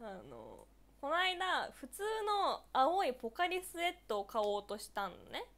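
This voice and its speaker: Giggly high-voiced young woman streaming. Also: wildly swooping pitch, a bit bright. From Niigata, Japan. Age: 20s. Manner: giggly, laughs often between phrases; chatty and playful, quick reactions. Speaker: former idol hosting her own live stream. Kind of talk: casual live-stream chat answering viewer comments.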